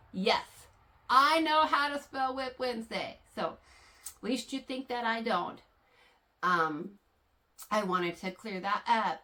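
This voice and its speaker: She has a medium-pitched voice that comes across pushed and bright. As a knitting vlogger congested from allergies, she chats casually to her audience, patient in her explanations and full of fillers.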